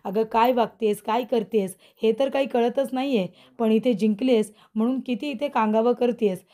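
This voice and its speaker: A woman's voice: fairly high pitch, normal speed, mellow, lightly acted. A woman reading the lines of an angry elder brother from a TV serial recap, lecturing in a scolding manner. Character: angry grown man, stern elder brother.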